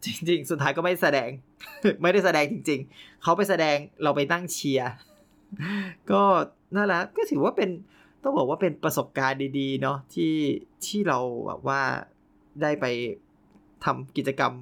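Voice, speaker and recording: A young man hosting a casual storytelling podcast, animated and often laughing. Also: on the high side, normal speed. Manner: animated, laughing, playful exclamations. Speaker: podcast host.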